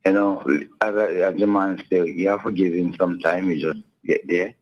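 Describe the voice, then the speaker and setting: Male radio caller, heard over the phone, low voice, rambling and friendly, dull lo-fi line. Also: fairly even intonation, normal speed. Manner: rambling, friendly, repeats words. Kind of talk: casual call-in chat.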